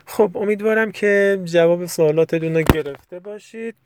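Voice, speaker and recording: A man's voice: high voice, noisy background. A middle-aged man, a university lecturer, explaining a topic step by step in a recorded lesson, with hesitant fillers now and then. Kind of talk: recorded lecture on child motor development.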